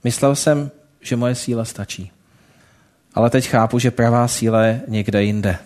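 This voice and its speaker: A man's voice: mid-range voice, steady tone, a little mellow, close to an everyday voice. A man reading a proud warrior king. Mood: quiet regret.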